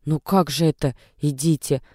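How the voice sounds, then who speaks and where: A man's voice: on the high side, steady tone, normal speed, mellow, dry recording, studio quality, lightly acted. Man voicing a flustered old grandmother. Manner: anxious, fussing questions. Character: flustered fretting grandmother, older woman.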